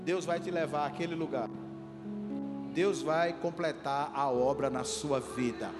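A man's voice: a little high, unhurried. A man preaching a sermon as pastor, emphatic and calling for responses from the congregation. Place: church hall. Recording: echoey hall with music behind.

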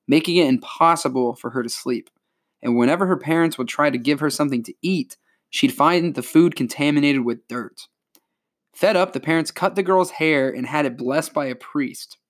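Joking man reading legends aloud. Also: fairly high pitch. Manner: joking, animated storytelling. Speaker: podcast co-host.

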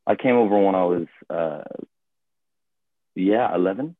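A young man born in Hong Kong talks through his memories in a slow, searching way, full of fillers and restarts. His voice sits very low. It comes over a tinny, phone-like line with no room sound. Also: no room sound. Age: 20s. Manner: hesitant, thoughtful, many fillers and restarts. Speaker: guest actor. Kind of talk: casual conversation. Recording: tinny phone-like call audio.

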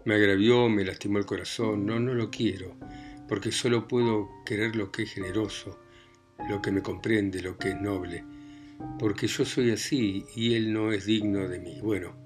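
A man voicing an emotional young woman torn in love in an audiobook, pleading and halting, with music behind. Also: fairly low pitch, fairly even intonation, voice pushed down, lightly acted. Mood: tearful. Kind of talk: audiobook reading.

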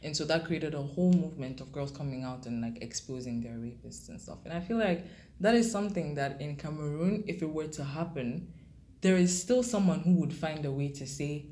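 A woman's voice: low voice, fairly quick, mellow. A young woman who grew up in Kenya, a guest talking casually and thoughtfully with many fillers and restarts. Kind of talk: casual conversation.

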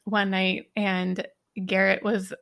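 A woman co-hosting a casual podcast, speaking in a middle voice. She keeps a relaxed, easy manner and laughs as she tells her stories. She also leads the questions for the conversation. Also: mid-range voice, slow, gravelly. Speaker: podcast co-host.

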